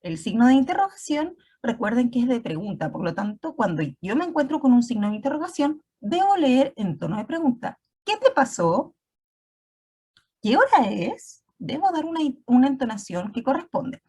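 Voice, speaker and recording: A woman's voice: a little high, very animated, brisk, few pauses, mellow, husky. A woman teacher giving an online class, explaining step by step and often checking in with her students.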